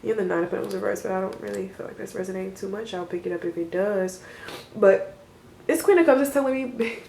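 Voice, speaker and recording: A woman's voice: medium pitch, fast talker, creaky, warm tone, slight background noise. A woman doing a casual tarot reading for her viewers, rambling and reassuring, with frequent fillers and small laughs. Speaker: tarot reader. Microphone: camera mic. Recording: roomy echo.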